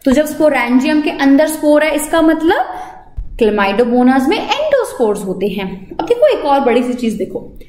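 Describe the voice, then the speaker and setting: Female online biology teacher, Indian accent, high and animated, asks and answers her own questions, echoey room. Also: measured pace, slight background noise. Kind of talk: online class lecture.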